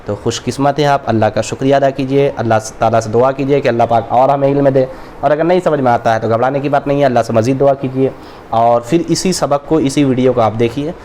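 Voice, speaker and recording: A male teacher giving a patient reading lesson at a middle pitch. He draws out each letter name slowly, then talks quickly through his explanations. A faint hiss of background noise sits under his voice. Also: steady tone, darkish tone. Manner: slow drawn-out letter names between quick explanations.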